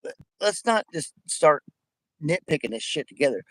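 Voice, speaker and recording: A man's voice: fairly high pitch, big pitch swings, normal speed, fairly bright tone, dry recording. A man with missing front teeth in a casual, profanity-laden rant, talking in a rambling, emphatic, repetitive way. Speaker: vlogger addressing viewers.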